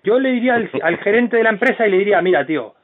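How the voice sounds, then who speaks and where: A man hosting a podcast, talking in a blunt, profane, animated way. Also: sits high, very fast. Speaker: podcast host. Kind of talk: casual podcast chat. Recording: tinny phone-like sound.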